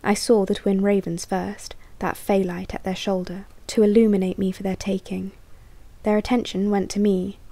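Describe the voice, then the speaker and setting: Slow, gravelly woman narrating softly. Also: mid-range voice. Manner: soft, often whispered, slow and even. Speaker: audiobook reader. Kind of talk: audiobook narration.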